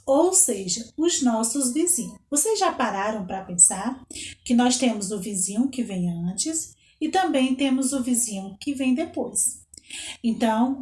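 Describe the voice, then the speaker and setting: A woman with a Brazilian Portuguese accent teaching young children, slowly spelling out letters and counting aloud. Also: a little high, darkish tone, roomy sound. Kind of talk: children's lesson.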